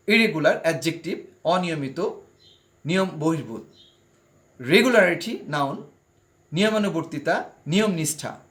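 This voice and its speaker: Man slowly drilling vocabulary words. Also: a little high. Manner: slow careful word-by-word pronunciation drills; keeps addressing viewers. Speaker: English vocabulary teacher. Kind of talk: online vocabulary lesson.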